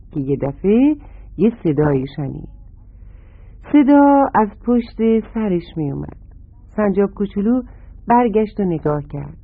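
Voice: mid-range voice, dry recording. A storyteller narrating a children's story and fondly addressing the young listeners. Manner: gentle, fond address to children. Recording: tinny phone-like radio sound, dry.

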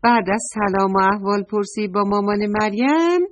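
A woman narrating a children's story, animated and addressing the young listeners directly, on a dull lo-fi recording. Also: mid-range voice.

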